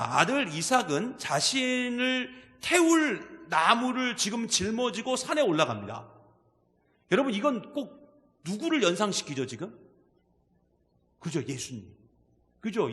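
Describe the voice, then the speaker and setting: A man's voice: sits high, big pitch swings, normal speed, long pauses, fairly bright tone. A male pastor preaching a sermon in a conversational way, asking the congregation questions as he goes. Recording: long reverb of a church hall.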